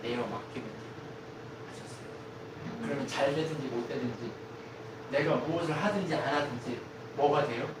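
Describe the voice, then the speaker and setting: A pastor preaching a sermon, constantly quizzing the congregation with rhetorical questions and swinging from loud emphatic peaks to hushed low lines. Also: brisk. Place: church sanctuary. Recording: very echoey hall, mic far off, steady ambient noise.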